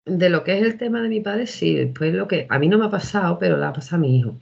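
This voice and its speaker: Gravelly Andalusian woman telling a story. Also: fairly low pitch, expressive, quick pace, darkish tone. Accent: Andalusian Spanish. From Seville, Spain. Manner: rambling, repeats words and restarts often. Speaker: interview guest, witness. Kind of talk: casual storytelling. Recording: dull lo-fi recording.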